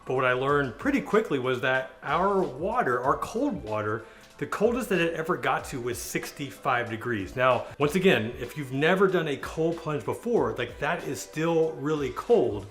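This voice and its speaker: American male vlogger, slightly high voice, casual emphatic storyteller, faint music underneath. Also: lively intonation, normal speed, fairly bright tone. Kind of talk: casual personal storytelling to camera.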